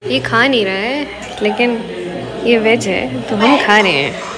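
A woman's voice: fairly high pitch, measured pace, over a noisy crowd. A young woman from Pakistan, playfully teasing and demanding compliments in a casual vlog, filmed on a phone at arm's length. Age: young adult. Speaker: vlogger. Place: indoor room with rain outside. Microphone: phone camera at arm's length. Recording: loud rain and traffic noise.

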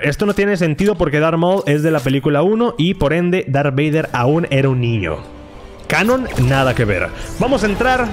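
A man with a Mexican accent giving excitable live gameplay commentary to his chat, repeating words in bursts. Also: a little high. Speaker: gaming streamer.

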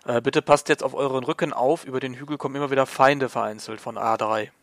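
A man's voice: mid-range voice, fairly even intonation, fast. A man playing a military co-op game, switching between casual chat and clipped radio phrases on a close headset mic. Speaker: video game player. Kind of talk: casual chat and radio calls during tactical co-op gameplay.

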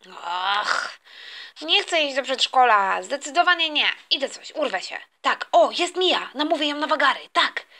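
A woman's voice: high-pitched, expressive, a little slow, sharp tone, exaggerated voice. A woman voicing a whiny, scheming young boy who doesn't want to go to kindergarten, in a toy play story. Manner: whining, complaining, stammering.

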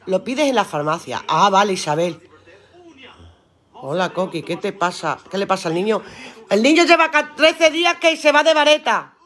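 A woman's voice: mid-range voice, lively intonation, normal speed, a bit bright. Brief: woman, live-stream seller, chatty and earthy, swears casually, laughs a lot. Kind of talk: casual live-stream chat reading viewer comments aloud.

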